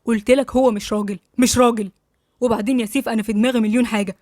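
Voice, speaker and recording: A firm, commanding Egyptian older brother speaks in short, clipped orders, as a woman reader lowers her voice for him. The delivery is brisk, and the recording is dry. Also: fairly even intonation, darkish tone, dry recording, close to an everyday voice. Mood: stern. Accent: Egyptian Arabic. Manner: firm, curt.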